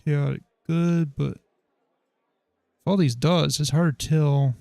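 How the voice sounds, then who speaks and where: Man, casual gameplay streamer, thinking aloud, slightly high pitch, creaky, dry close mic. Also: fairly even intonation, slow pace, mellow, dry recording. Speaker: game streamer. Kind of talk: casual gameplay commentary, reading dialogue choices aloud.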